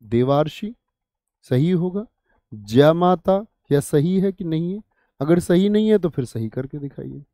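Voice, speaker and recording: A man's voice: a little high, lively intonation, unhurried, mellow, no room sound. Dry-voiced male Hindi teacher quizzing students. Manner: asks questions and answers them himself, repeats answers; addresses students familiarly, 'bhai sahab', 'dost'. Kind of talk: online exam-prep lesson.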